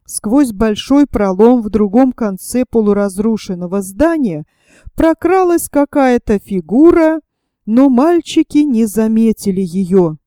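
Slow, mellow woman reading a story. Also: on the high side, expressive, no echo, clean studio sound. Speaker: audiobook narrator. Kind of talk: scripted storybook narration.

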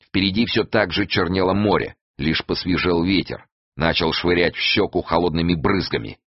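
Deep-voiced male audiobook narrator. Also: moderate pace, husky, no room sound, lo-fi sound. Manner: expressive storytelling. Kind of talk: scripted narration.

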